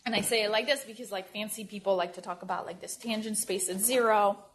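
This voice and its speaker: A woman's voice: mid-range voice, fairly even intonation, quick pace, slight background noise. Woman lecturing, casual and self-correcting. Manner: informal, checks in with "right?", self-correcting. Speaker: mathematics lecturer. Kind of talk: university lecture at a board. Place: lecture room.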